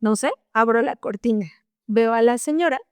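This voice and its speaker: A woman's voice: fairly high pitch, normal speed, clear, resonant tone, dry recording. A young woman guest telling a personal story in an earnest, casual way, often tagging her lines with a questioning "no?". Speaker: podcast guest.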